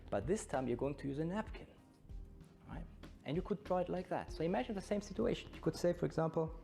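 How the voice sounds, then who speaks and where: Soft music plays behind a middle-aged, German-accented conference speaker who talks fast with lively intonation in a slightly high, creaky, mellow voice. A Scrum trainer born in Belgium, schooled in Germany, and long resident in Brazil, he engages his audience informally with frequent questions.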